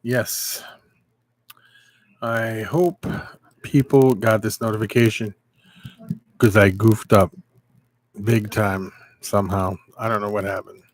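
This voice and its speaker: A man's voice: fairly low pitch, steady tone, takes it slowly, long pauses. A man casually hosting a live stream, rambling and chatting with viewers by name.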